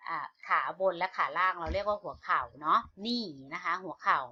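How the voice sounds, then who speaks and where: A woman's voice: fairly low pitch, sharp tone, slight background noise. A woman teaching children an English lesson. She speaks patiently, repeats each word and spells it out letter by letter, with frequent "uh" fillers. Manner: calls students "child", fills pauses with "uh". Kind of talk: online lesson for kids. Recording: dull lo-fi recording.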